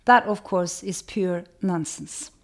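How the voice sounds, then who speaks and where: A Turkish woman delivers a thoughtful educational talk at a measured pace, repeating phrases to stress her points. Her voice sits on the low side.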